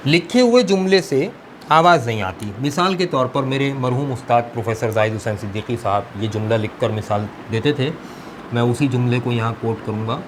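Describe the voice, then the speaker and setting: A male English teacher giving a lesson, explaining slowly and deliberately and mixing Hindi-Urdu with English terms. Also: mid-range voice, animated, background noise.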